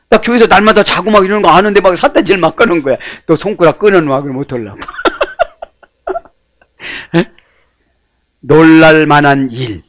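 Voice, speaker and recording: Animated male pastor preaching a sermon. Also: sits high, no room sound. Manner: animated, prodding listeners with rhetorical questions.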